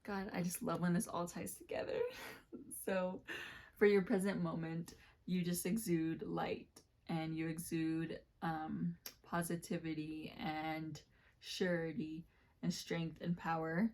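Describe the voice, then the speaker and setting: Low, flat-voiced woman giving a tarot reading. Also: slow pace. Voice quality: slightly scratchy voice. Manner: rambling, warm-hearted, many fillers and self-corrections. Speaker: tarot reader. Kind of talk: casual tarot reading to camera.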